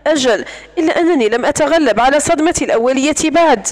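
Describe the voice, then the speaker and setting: A woman voicing a young woman who is shaken and unsure, speaking softly and hesitantly. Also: sits high, expressive, fast talker. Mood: troubled. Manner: soft, hesitant.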